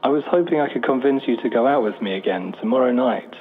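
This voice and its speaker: A man's voice: mid-range voice, quick pace. A man playing a shy young man on a voicemail. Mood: shy, hopeful. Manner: hesitant, with fillers and nervous laughs. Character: nervous, sweet young man leaving a voicemail. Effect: answering-machine playback. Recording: tinny phone-line playback.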